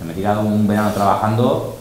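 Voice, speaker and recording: A man's voice: on the low side, steady tone, fast. A middle-aged man, a DJ and teacher, talking in a casual, emphatic and boastful way to a group of students, often acting out quotes. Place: large school room with students. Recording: very echoey room, faint noise.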